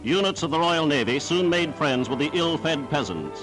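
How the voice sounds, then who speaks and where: A man narrates a wartime 1940s newsreel in a fairly high voice, with prominent music behind him. His delivery is formal and declamatory, every sentence read from a script as a proclamation. The sound is that of a period film soundtrack. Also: animated, normal speed.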